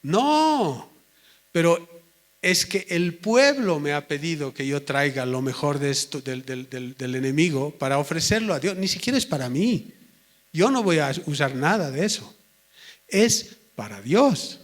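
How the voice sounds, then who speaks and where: A man's voice: fairly high pitch, animated, normal speed, lightly acted. A man voicing a defensive biblical king who pleads and justifies himself in a sermon retelling.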